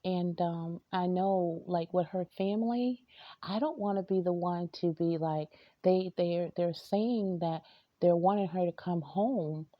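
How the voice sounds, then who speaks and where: A woman spiritual reader telling a story to camera, hesitant and halting, often repeating words and trailing off. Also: lowish voice, no room sound, muffled recording.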